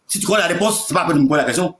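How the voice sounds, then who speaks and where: High-voiced man in heated debate. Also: lively intonation, fairly bright tone, reverberant, a little hiss or hum. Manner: insistent, repeats words, reads scripture slowly.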